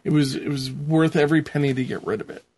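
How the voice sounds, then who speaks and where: A man's voice: fairly high pitch, quick pace, darkish tone, breathy edge. A man hosting a podcast, recapping a show in casual, rambling conversation. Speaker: podcast host. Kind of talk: casual episode recap chat.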